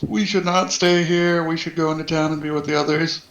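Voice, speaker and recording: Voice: mid-range voice, fairly even intonation, fairly quick, muffled recording. A player in a tabletop game, speaking in character with earnest urgency. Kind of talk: tabletop role-play. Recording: echoey room.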